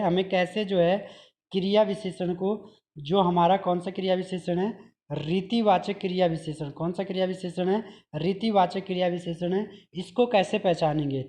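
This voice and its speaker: A man's voice: high voice, a little mellow. A man teaching an exam-prep grammar lesson. He drills each point by asking his own questions, answering them, and repeating the examples. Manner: repeats examples and says "okay" often.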